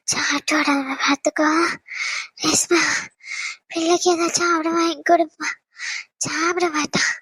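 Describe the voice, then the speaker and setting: This is a frail elderly mother near death in an animated drama, with a woman doing the voice. The voice sits very high and thin, soft and weak, and keeps running out of breath. It is recorded dry and close. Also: no room sound. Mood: weak, caring. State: short of breath.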